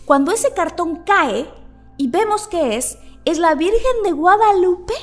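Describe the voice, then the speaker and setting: A Mexican woman tells a story in relaxed conversation, acting out the sounds as she goes. Her voice sits high, and faint music plays underneath. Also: a little slow. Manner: animated storyteller with sound effects. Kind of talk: casual storytelling chat.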